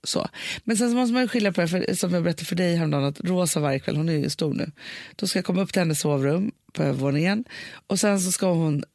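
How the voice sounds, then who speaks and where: Mom talking it through out loud, lots of "like" and restarts, dry close sound. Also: female voice, on the low side, vocal fry, no room sound. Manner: thoughtful, reasoning aloud with many fillers. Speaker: mother. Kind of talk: casual chat.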